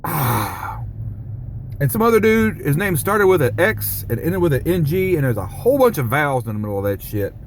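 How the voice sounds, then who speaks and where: A man's voice: a little high, big pitch swings, normal speed, slight background noise. Rambling, profane man. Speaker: vlogger. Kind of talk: casual profane monologue.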